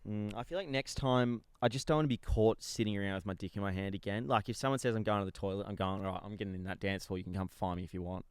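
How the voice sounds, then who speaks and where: Young male co-host, fairly deep, close dry sound, easygoing blokey chat with lots of slang. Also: fast, hardly any pauses, clear, resonant tone, no echo. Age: young adult. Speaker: podcast co-host. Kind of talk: casual banter.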